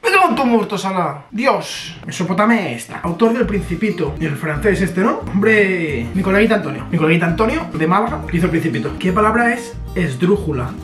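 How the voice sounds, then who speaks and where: A man's voice: sits high, expressive, brisk, hardly any pauses, fairly bright tone. Joking young Spanish guy in an echoey room. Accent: Spain Spanish. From Spain. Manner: joking, boastful, swears a lot, talks to himself. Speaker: YouTuber. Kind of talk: casual quiz vlog commentary. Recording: echoey room with music behind.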